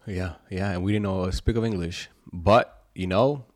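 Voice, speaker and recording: A man from Colombia co-hosting a podcast in casual chat, relaxed and full of "you know" fillers. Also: deep voice, normal speed, no room sound, studio quality. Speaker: podcast co-host.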